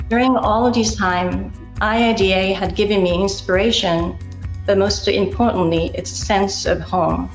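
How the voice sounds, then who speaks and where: Woman, middle-aged, Japanese accent, measured and earnest, slight hesitations, reverberant room. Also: medium pitch, steady tone, soft background music. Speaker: incoming chapter president. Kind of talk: formal acceptance speech.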